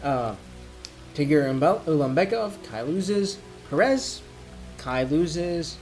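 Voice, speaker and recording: Tipsy man rambling, higher-pitched voice. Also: lively intonation, darkish tone, faint music behind. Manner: drinking while ranting, tipsy rambling; halting, thinking aloud. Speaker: MMA commentator giving opinions. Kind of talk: casual off-the-cuff rant.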